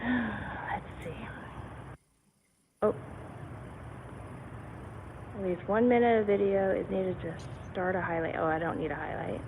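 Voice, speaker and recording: A woman's voice: medium pitch, steady tone, unhurried, gravelly, long pauses. A woman livestreaming from a parking lot, thinking aloud and unsure what she is doing, her audio cutting in and out in uneven volume. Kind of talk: solo livestream narration. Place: outdoors in a car parking lot. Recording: tinny phone-like stream with background noise.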